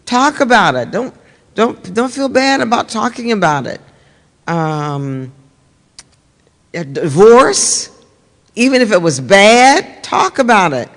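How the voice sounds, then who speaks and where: A woman's voice: medium pitch, big pitch swings, takes it slowly, pauses often. Older woman preaching in a church. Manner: earnest, repetitive, conversational. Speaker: minister. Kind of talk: sermon-style talk to a congregation. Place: church sanctuary. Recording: reverberant church hall.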